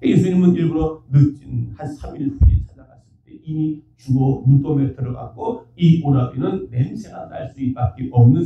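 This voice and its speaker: A man preaching a sermon, emphatic, at times rising to a shout. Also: fairly high pitch, a little hiss or hum. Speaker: pastor. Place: church sanctuary. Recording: dull, echoey church sound from far off.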